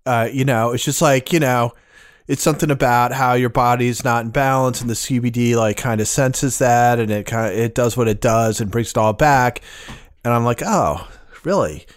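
Male panelist, middle-pitched, loose slangy talk with a mocking sceptical edge, dry close recording. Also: little pitch movement, normal speed, clean tone, no echo. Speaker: podcast panelist. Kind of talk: casual chat.

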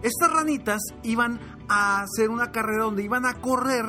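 Brief: animated coach, very high voice, spinning a motivational fable. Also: male voice, moderate pace, faint music behind. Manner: animated, repetitive storyteller. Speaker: motivational coach and podcast host. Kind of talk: motivational storytelling.

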